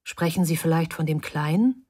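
A woman's voice: deep voice, normal speed, a little mellow. A woman reading the part of an irritable young woman who answers a phone call curtly and impatiently. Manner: curt and impatient.

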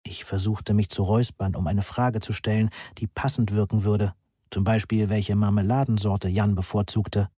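A man reading a first-person story aloud in a measured, deadpan manner, close to the mic. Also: lowish voice, husky, dry recording. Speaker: audiobook narrator. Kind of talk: first-person scripted narration.

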